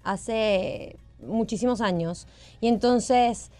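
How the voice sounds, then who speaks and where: A woman from Venezuela with a softened Venezuelan accent, a guest actress chatting and teasing in a radio studio. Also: fairly high pitch, slow, dry recording, soft background music. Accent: Venezuelan, softened by years in Mexico. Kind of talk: lively studio chat.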